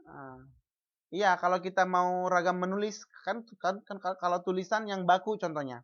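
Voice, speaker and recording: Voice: mid-range voice, normal speed, a bit bright, dull audio. A teacher giving an online class lecture, asking the class questions and answering them, with frequent false starts and repeated syllables. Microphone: video call.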